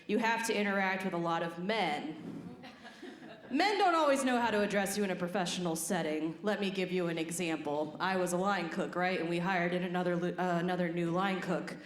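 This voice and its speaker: A woman in her thirties from the Midwest performing a stand-up comedy set, telling stories deadpan and breaking into silly voices and sung bits. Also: fairly low pitch, brisk. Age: 30s. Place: comedy club stage. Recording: roomy live club sound.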